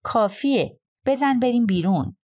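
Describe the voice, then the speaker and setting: A woman's voice: fairly high pitch, expressive, darkish tone, pitched above the performer's own voice. A woman reading an audiobook, voicing a tense young man who speaks with urgency. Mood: urgent. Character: young man, first-person narrator under threat.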